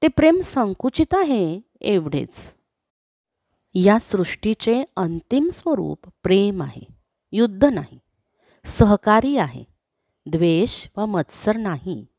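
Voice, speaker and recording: A woman narrating a classic story in a slow, expressive reading. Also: medium pitch, no echo, clean studio sound.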